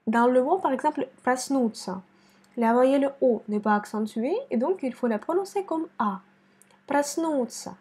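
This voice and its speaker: A woman teaching a slow pronunciation lesson to camera, repeating words deliberately. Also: sits high, dark tone, breathy edge. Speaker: Russian teacher. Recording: speaking to camera.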